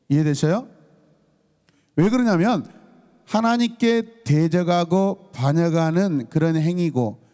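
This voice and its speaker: A male pastor from South Korea delivers a night sermon in a bright, high voice. His pitch leaps up and down as he throws questions to the congregation. Now and then he bursts into a scolding tone. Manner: calls and responses to the congregation, acts out scolding voices. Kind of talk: sermon at a Friday night service.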